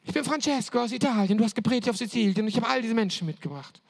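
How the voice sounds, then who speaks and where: A hearty male convert greets his old preacher in a brisk, friendly rush, as a preacher acts him out. The voice is raised high, with a gravelly texture. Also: big-room sound, full character voice.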